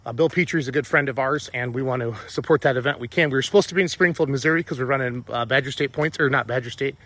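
A man's voice: medium pitch, quick pace, fairly bright tone. A man, out of breath, giving a rambling, upbeat casual update and often correcting himself. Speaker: tractor pulling team owner.

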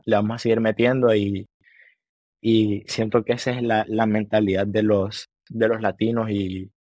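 This Honduran man has a low voice with a level, darkish tone, captured dry and close with no echo. He is a musician in his twenties, a guest in a casual interview that mixes Spanish and English. He speaks earnestly but haltingly, restarting often and repeating words.

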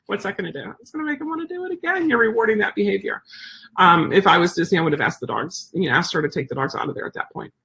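A woman's voice: on the low side, quick pace, creaky, a bit bright, husky. A woman chatting casually about her service dog, rambling with lots of ums and likes. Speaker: service dog handler sharing updates. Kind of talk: casual chat.

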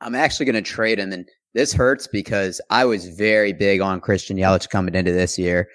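A man with a lowish voice breaks down baseball numbers in a fast, analytical, earnest manner. He speaks in a casual podcast chat, recorded dry. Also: fairly even intonation, fairly bright tone, no room sound. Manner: analytical, stat-heavy, earnest.

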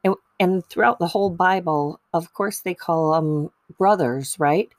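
A woman's voice: fairly low pitch, unhurried, no echo. A woman giving a casual, chatty devotional talk, digressing and correcting herself as she retells Bible stories. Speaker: speaker sharing Bible stories about mothers.

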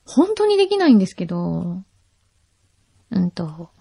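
A woman's voice: on the low side, huge pitch swings, normal speed, creaky, dark tone, breathy edge, dry recording. A woman co-hosting a podcast in casual chat, agreeable and often laughing. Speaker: podcast co-host.

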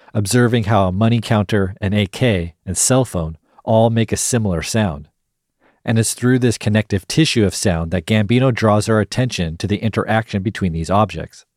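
A man hosting a podcast, narrating a scripted analysis in a measured, explanatory way. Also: fairly low pitch, darkish tone, dry recording, studio quality. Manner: measured, explanatory, reads quotes aloud. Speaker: podcast host.

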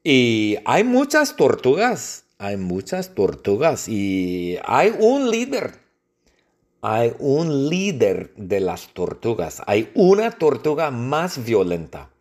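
A man improvising an absurd comedy story in a halting, repetitive, deadpan way. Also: mid-range voice. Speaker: podcast host.

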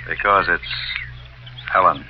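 An actor playing a firm, grave police inspector in a 1940s radio drama. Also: male voice, low-pitched, steady tone, measured pace, a little hiss or hum. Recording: dull old radio recording with music.

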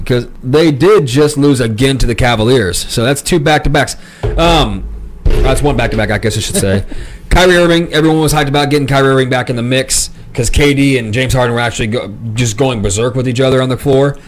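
A man of medium pitch co-hosts a sports comedy podcast. He rambles in a laid-back way and laughs often as he talks. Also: a little hiss or hum. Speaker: podcast co-host.

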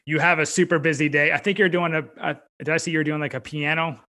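A podcast host from upstate New York, with an American accent, interviews a guest in a relaxed, encouraging manner. His fairly high voice stays steady in tone, moves at a quick pace, and has a sharp edge.

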